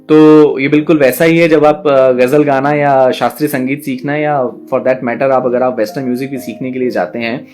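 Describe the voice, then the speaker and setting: A man's voice: medium pitch, fairly even intonation, a little mellow, faint music behind. A man teaching an online class on poetry, explaining patiently and stretching out words syllable by syllable to demonstrate. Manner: slow, drawn-out syllable demonstrations; explains patiently, addresses students directly.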